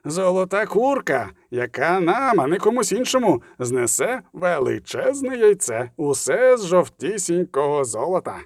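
A man's voice: high-pitched, big pitch swings, unhurried, hardly any pauses, no echo, studio quality, full character voice. A man voicing a sardonic, scheming male lawyer with a sneering, sarcastic manner, in an audiobook.

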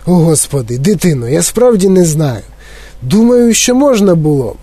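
A man voicing an eccentric, excitable older male chocolatier, fussy and indignant in an audiobook. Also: on the high side, moderate pace, breathy edge, dry recording. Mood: flustered. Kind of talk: audiobook character voice.

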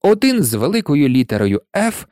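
A man narrating an audiobook in an expressive storytelling manner. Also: medium pitch, moderate pace, dry recording, studio quality. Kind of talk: audiobook reading.

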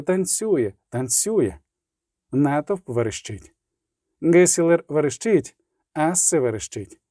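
Guy reading an audiobook, rhythmic and vivid, warm tone, dry close sound. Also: fairly high pitch, husky, dry recording. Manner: vivid, rhythmic, building pace in the action. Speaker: audiobook narrator. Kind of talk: scripted fiction narration.

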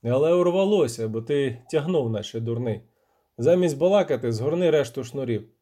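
Grounded take: a man as a weary, blunt monster hunter, dry and scolding, in a mellow, soft-toned voice with lively pitch. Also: moderate pace, close to an everyday voice. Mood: dryly scolding. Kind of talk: audiobook character voice.

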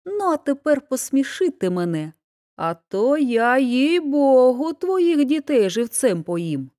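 Хитрий голодний лис, якого озвучує жінка, що насмішкувато вимагає й погрожує. Голос трохи вищий, теплий і м'який, з живою мелодикою. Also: female voice, sits high, very animated, unhurried, dark tone. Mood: demanding. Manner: taunting, bullying questions. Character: sly hungry fox, menacing and demanding. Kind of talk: storybook reading.

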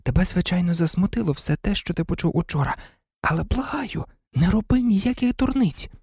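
A man's voice: sits high, animated, brisk, a little mellow, husky, dry recording, clean studio sound, voice pushed up, full character voice. A man voicing an anxious teenage schoolgirl who urgently pleads with her friend. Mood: pleading. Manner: urgent, imploring.

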